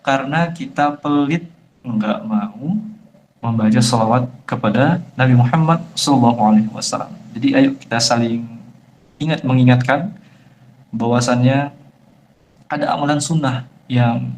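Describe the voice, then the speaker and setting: A man's voice: medium pitch, normal speed, long pauses, darkish tone. Young man, Sumatran accent, Islamic lecture, online phone call, slight background noise. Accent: Sumatran Indonesian, Palembang-tinged. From Jambi, Sumatra. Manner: chatty, addresses listeners as friends, firm emphatic tone. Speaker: ustadz leading an online study session. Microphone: phone on a video call.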